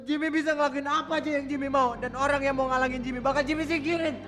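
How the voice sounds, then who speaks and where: A man's voice: extremely high pitch, steady tone, quick pace, pushed and bright. An actor playing a spoiled, hungover young man who whines at his mother and then threatens her. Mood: menacing. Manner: whiny, sulky, then threatening. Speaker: grown son. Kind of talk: TV drama acting.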